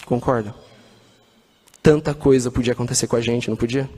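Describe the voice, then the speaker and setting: A man's voice: mid-range voice, fairly even intonation, fairly quick, warm tone. Man lecturing in an echoing hall. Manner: storytelling with anecdotes and quoted dialogue; asks the audience questions. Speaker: spiritist lecturer. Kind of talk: spiritist lecture. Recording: long hall reverb.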